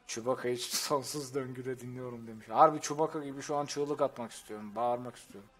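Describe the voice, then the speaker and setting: A man's voice: medium pitch, steady tone, quick pace, a bit bright, faint music behind. A young man streaming and observing a strategy game league, commenting to his chat and groaning in exasperation at the players.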